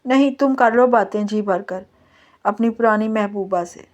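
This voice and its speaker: A woman reading the part of a hurt, quick-tempered young bride in her own voice. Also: medium pitch, natural voice. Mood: angry.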